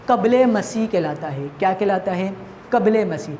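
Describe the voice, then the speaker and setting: A woman's voice: mid-range voice, expressive, mellow. A woman teacher from Pakistan with a Pakistani Urdu accent, giving a recorded lesson to children, asking questions and answering them herself. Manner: asks questions and answers them herself, repeats key points. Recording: faint background noise.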